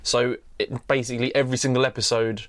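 A man's voice: medium pitch, level tone, fast talker, no echo. A man co-hosting a casual podcast, teasing and joking with the guest. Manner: playful, teasing jokes. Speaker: podcast co-host.

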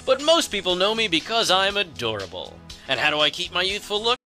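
Bright, chipper man in a comedy ad. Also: sits high, sing-song, brisk, faint music behind. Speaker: comedic ad spokesman. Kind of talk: scripted comedy ad.

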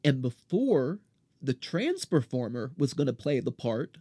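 A man's voice: mid-range voice, sing-song, unhurried, dark tone, slightly rough, dry recording. Blunt, ranting male podcast host. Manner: blunt and profane, riled up, restarts words often.

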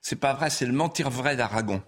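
An older man speaks as a talk show guest, often stumbling and repeating words before he finds his point. His voice is husky, with a breathy edge, at a middling pitch. He takes his time and circles back to the story he is telling. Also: brisk, a bit bright. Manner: hesitant, stammering, repeats words. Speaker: author and guest.

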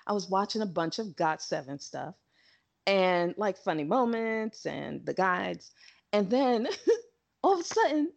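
Animated husky woman chatting. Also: medium pitch, dull audio. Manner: animated, laughs often, quick asides. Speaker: podcast co-host. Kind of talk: casual chat.

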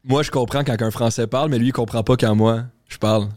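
A man's voice: mid-range voice, steady tone, fast, darkish tone. A man with a Quebec French accent, a guest comedian in a casual, joking podcast chat.

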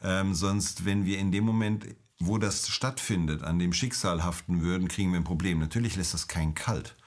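A middle-aged man, an emergency doctor, answering interview questions in a calm, measured, explanatory way. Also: low-pitched.

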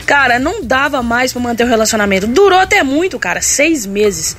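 A woman's voice: on the high side, lively intonation, fairly quick, a bit bright, a little hiss or hum. A woman from Minas Gerais sends in a brash, sassy voice message to a radio show. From Minas Gerais, Brazil. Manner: brash, sassy, punchy storytelling. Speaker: listener sending a voice message. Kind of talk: recorded voice message, casual.

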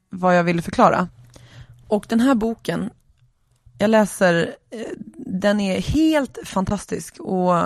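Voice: medium pitch, vocal fry, no echo, studio quality. A tired podcast host, lying alone in bed, talking through a reflective, rambling solo monologue with many hesitations.

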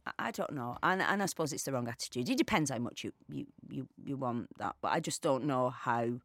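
A woman's voice: extremely low pitch, a little fast, no room sound. Chatty self-deprecating woman, dry sound. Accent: Northern English. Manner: chatty, self-deprecating, slips into lively quoted voices. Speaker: guest actor. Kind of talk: casual chat.

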